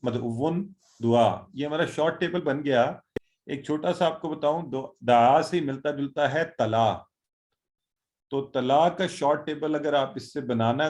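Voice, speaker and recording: A man teaching an online Quran and Arabic class over a video call, encouraging and drilling students by slowly repeating Arabic words. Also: mid-range voice, darkish tone.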